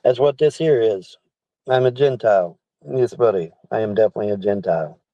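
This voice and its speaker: A man's voice: on the low side, brisk, warm tone, no room sound, lo-fi sound. A middle-aged man in a car, chatting casually to livestream viewers in a rambling, repetitive way. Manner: rambling, repeats phrases. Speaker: livestreamer reading and answering viewer chat. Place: inside a car.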